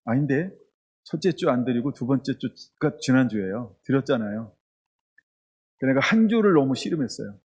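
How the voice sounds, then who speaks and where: A man's voice: mid-range voice, animated, normal speed, darkish tone, breathy edge. A man preaching a sermon as pastor, telling a candid, confessional story. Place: church.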